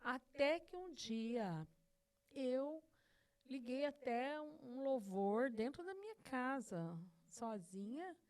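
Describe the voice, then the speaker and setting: A middle-aged woman with a somewhat high-pitched voice shares a deeply personal testimony as the host of her own talk show. She is earnest and heartfelt, circling back to the same phrases for emphasis. Now and then she acts out the words she once spoke to God. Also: expressive, slow, darkish tone. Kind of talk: emotional personal testimony in conversation.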